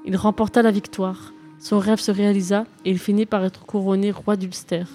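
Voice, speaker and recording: A woman narrating a fairy tale in calm, even storybook reading. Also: medium pitch, normal speed, soft background music.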